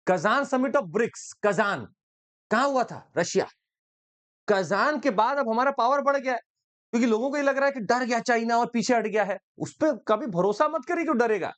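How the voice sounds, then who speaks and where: A male exam-prep teacher lecturing in a chatty, lively style, joking and slipping in English phrases. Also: extremely high pitch.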